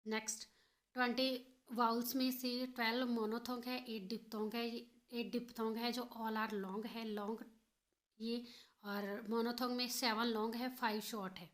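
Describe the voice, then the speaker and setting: A woman's voice: on the high side, flat delivery, a little slow. A woman teaching an exam-prep phonetics lesson, repeating and rephrasing each point and switching between English and Hindi.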